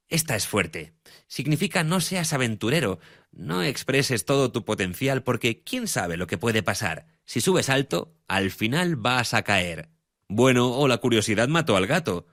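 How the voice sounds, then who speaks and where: A man speaking as a guest expert in a dubbed interview, calmly explaining and repeating each saying slowly. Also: medium pitch, no room sound, clean studio sound.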